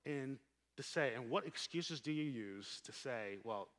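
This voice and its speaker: A man preaching a sermon as pastor, earnest and emphatic, swelling on key points and dropping soft at the ends of phrases. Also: medium pitch, animated, a little slow. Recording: long hall reverb.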